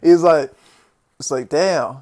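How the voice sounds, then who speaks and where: A man with a fairly high voice tells a long, rambling story in casual chat. He laughs often and swears freely as he goes. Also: takes it slowly, darkish tone. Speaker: podcast host.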